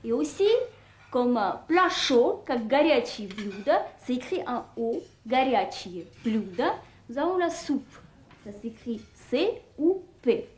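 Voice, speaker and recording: Brief: female language teacher, high bright-sounding pitch, very animated, spells things out. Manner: clear, spells words out slowly for learners. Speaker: Russian teacher. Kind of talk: scripted language lesson.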